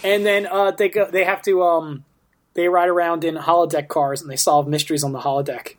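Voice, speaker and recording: A man's voice: a little high, steady tone, a little fast. A man hosting a casual podcast chat, joking around with a loose, laughing manner. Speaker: podcast host.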